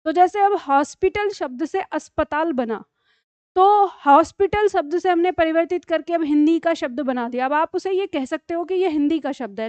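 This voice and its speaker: A woman's voice: sits high, darkish tone, no room sound. A woman teaching a grammar class, explaining patiently and checking often that her students follow. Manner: explains patiently with many checks like "theek hai?". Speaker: Hindi teacher. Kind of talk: classroom lesson. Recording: dull lo-fi dry sound.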